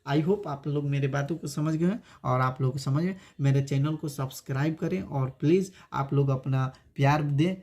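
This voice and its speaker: A man's voice: on the high side, a little mellow. Man drilling English pronunciation. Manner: repeats words slowly to drill pronunciation. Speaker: English teacher. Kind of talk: spoken English lesson.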